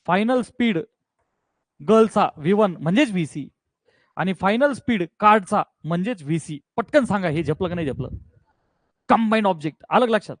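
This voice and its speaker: Male physics teacher, high voice, energetic and coaxing with his class, dry sound. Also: dry recording. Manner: energetic, coaxing, keeps checking students understand. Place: classroom with students.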